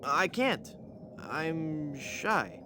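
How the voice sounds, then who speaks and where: A man's voice: fairly high pitch, very animated, drawn-out words, noisy background, heavily acted. A man playing a hapless, earnest adventurer in a comic adventure game, pleading and bluffing theatrically as a would-be ghost. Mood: mock-menacing, sheepish.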